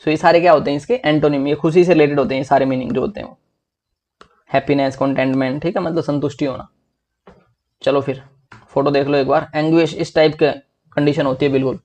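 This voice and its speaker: A young man teaching English vocabulary for exams in a lively, chatty way, often calling his listeners "bhai". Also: on the high side, fast talker. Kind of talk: exam-prep vocabulary lesson.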